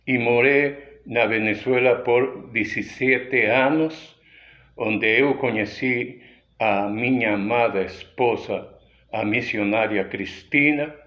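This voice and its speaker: A man from Peru, a pastor with a Peruvian Spanish accent and Spanish as his first language, giving a deliberate, unhurried sermon. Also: medium pitch, fairly bright tone, highs cut off. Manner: unhurried, deliberate teaching delivery with frequent pauses.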